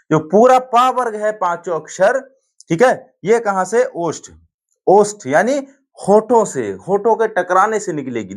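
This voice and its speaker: High-voiced guy teaching grammar, slow and sing-song, keeps asking then answering himself. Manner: repetitive, asks and answers his own questions. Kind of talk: classroom grammar lesson.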